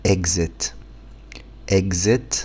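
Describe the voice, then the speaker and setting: Very deep-voiced Egyptian man teaching phonics. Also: a little mellow, husky. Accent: Egyptian Arabic. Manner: sounds out letters slowly and repeats words. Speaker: English teacher. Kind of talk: phonics lesson for beginners.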